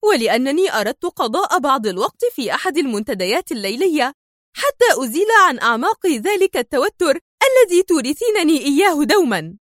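A woman voicing a clever female spy in disguise who talks in a calm, sly and sarcastic way. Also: a little high, a little fast, no echo, studio quality. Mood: sharp mocking.

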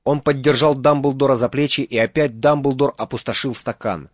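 A man reading an audiobook as narrator, in steady dramatic storytelling. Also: medium pitch, moderate pace, no echo, muffled recording. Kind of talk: scripted narration.

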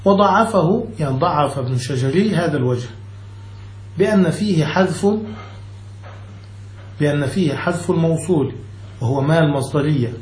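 A sheikh gives a classical grammar lesson, patiently working through each point and checking that his listeners follow. His voice sits a little high but sounds mellow and dark. The room around him echoes. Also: lively intonation, moderate pace, long pauses. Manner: explains step by step, keeps asking his students whether they follow. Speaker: sheikh teaching Arabic grammar.

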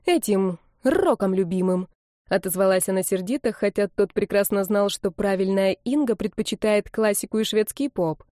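Woman narrating an audiobook with a mellow tone. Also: mid-range voice, fairly even intonation, fairly quick, no room sound, studio quality. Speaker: audiobook reader. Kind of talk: narrating a young-adult novel.

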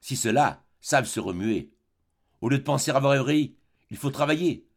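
A man's voice: medium pitch, lively intonation, moderate pace. A man voicing a fierce, jealous old spinster woman who scolds in a brusque, bossy way. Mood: scolding.

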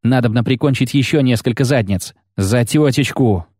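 A man's voice: mid-range voice, normal speed, darkish tone, no room sound, studio quality, close to an everyday voice. A man voicing a brash, crude young woman fighter.

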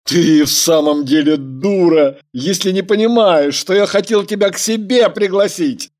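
Lady playing a stubborn touchy guy, drags his words out slow, audiobook. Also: on the low side, darkish tone, lightly acted. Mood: sulky. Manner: slow, deliberate, sulky delivery. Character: stubborn, touchy grown man.

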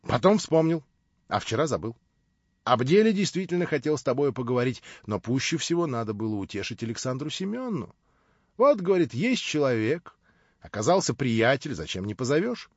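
A man's voice: mid-range voice, very animated, brisk, no echo. A man voicing a jovial, roguish old friend who banters and teases. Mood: bantering. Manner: bantering, teasing. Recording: dull, dry recording.

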